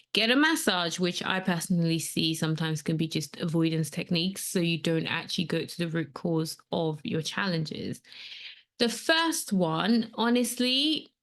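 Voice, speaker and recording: A woman in her thirties, born in Nigeria, hosting a solo podcast in an earnest, conversational way with frequent fillers. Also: lowish voice. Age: 30s. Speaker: podcast host and coach. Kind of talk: casual solo podcast talk.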